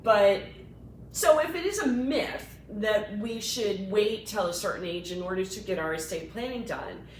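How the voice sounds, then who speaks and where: Woman attorney, co-host, animated explainer; echoey room, off-mic, faint rumble. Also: measured pace, recorded from a distance. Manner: explanatory, animated, laughs easily. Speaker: estate planning attorney, co-host. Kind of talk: casual professional discussion.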